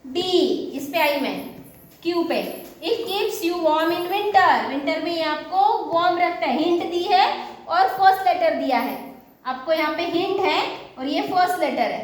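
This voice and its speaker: A woman teacher, speaking in a very high voice and stretching each phrase out slowly. She has the class repeat words after her. The room rings with heavy echo, and faint hiss runs under it. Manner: slow, drawn-out English lines, brisk Hindi explanations. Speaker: school teacher. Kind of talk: online English lesson in Hindi and English.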